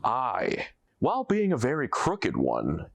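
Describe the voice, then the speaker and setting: A man playing a pompous, over-relaxed interviewee in a comedy sketch, speaking deliberately with dramatic pauses. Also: medium pitch, creaky, dry recording, full character voice. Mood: pompous, self-assured. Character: pompous, over-relaxed male interviewee spouting mock philosophy.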